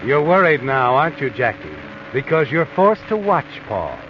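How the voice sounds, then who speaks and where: An actor playing an ominous, knowing American narrator who slyly taunts the guilty in a 1940s radio mystery. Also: male voice, medium pitch, very animated, normal speed, music in the background, close to an everyday voice. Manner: sly, insinuating second-person address. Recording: hissy, muffled vintage radio recording.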